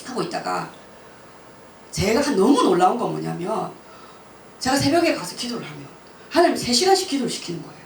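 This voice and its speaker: Lively woman giving a church testimony. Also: mid-range voice, a little fast, creaky, pauses often. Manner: lively storytelling, laughs often, acts out her own past words. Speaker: missionary speaker. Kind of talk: church talk, personal testimony. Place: church hall. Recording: roomy church hall, mic from a distance, faint noise.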